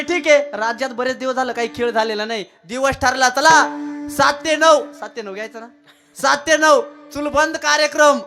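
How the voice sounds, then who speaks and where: High-voiced emphatic man preaching a kirtan. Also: a bit bright. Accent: Marathi. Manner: emphatic, repeats key phrases, jokes with the audience, breaks into chant. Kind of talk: devotional kirtan sermon with storytelling and sung verses. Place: village temple. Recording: live temple sermon with instrument accompaniment.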